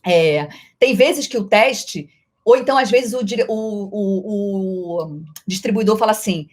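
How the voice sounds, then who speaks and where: A middle-aged Brazilian woman, a voice actress, answering viewer questions in a playful live-stream chat that often shifts in loudness and speed. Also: medium pitch, unhurried. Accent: Brazilian Portuguese.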